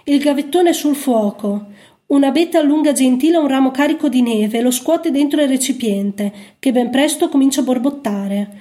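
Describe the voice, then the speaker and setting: A woman with a high voice reads a story aloud, gentle and unhurried. Her tone is mellow and soft rather than bright. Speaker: narrator. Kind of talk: storybook reading.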